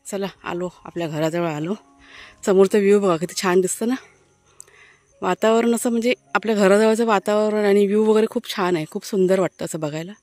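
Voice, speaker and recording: A woman's voice: medium pitch, brisk, a little mellow, dry recording, soft background music. A woman casually chatting to her viewers while showing a village garden outdoors, with many fillers. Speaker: vlogger. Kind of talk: casual village vlog narration.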